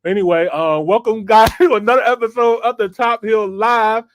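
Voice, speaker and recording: A man's voice: sits high, moderate pace, slight background noise. A man hosting a live online talk show, chatting loosely with slang and frequent laughs. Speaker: podcast host. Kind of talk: casual live-stream chat.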